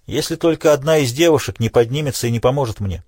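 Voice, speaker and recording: A man's voice: mid-range voice, fast talker, a little mellow, breathy edge, no echo, studio quality, close to an everyday voice. A man voicing a tough male climber who speaks in short, curt commands. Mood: grim. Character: tough male climber giving terse orders.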